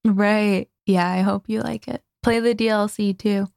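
Laughing animated woman podcast host. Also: mid-range voice, a little slow, vocal fry, smooth, dry recording, studio quality. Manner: animated, laughs often, acts out quotes. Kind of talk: casual chat.

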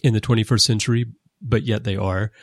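A man hosting a casual podcast conversation, explaining background at length with lively emphasis. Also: lowish voice, fairly quick, no echo, clean studio sound. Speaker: podcast host. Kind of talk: casual conversation about a TV series. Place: lives in Japan.

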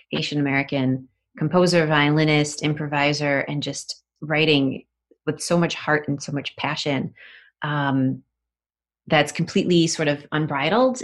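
A woman talking as a podcast guest about music, earnest and searching for words with many pauses. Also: low voice. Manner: earnest, many fillers and restarts. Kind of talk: casual podcast interview.

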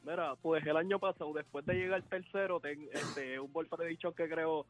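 A man calling in to a sports radio show, speaking eagerly and a bit haltingly. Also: fairly high pitch, fairly even intonation, faint music behind, low-quality recording. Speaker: caller.

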